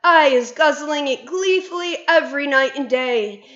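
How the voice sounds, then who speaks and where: A woman's voice: high voice, measured pace, fairly bright tone, voice pushed up. A woman reading aloud and voicing a kind, nervous male giant who talks with jumbled grammar and earnest pleading. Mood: coaxing. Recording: roomy, dull lo-fi sound.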